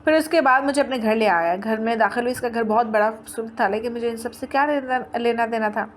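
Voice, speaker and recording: Higher-voiced woman narrating a story. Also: a little hiss or hum. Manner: plain, steady reading with small restarts. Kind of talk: first-person story narration.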